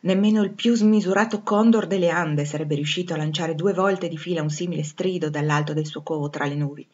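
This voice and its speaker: A woman reading a classic novel aloud in a measured, expressive way. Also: sits low, dull audio. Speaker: audiobook reader. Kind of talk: literary audiobook narration.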